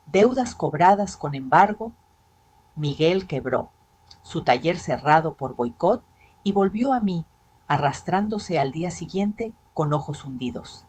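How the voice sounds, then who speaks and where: Low-voiced woman narrating a dramatic story. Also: darkish tone, breathy edge.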